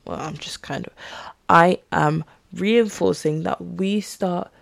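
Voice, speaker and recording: A woman's voice: lowish voice, takes it slowly, vocal fry. A young woman hosting a podcast, talking candidly in a rambling, casual monologue and acting out the voices she quotes. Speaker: podcast host.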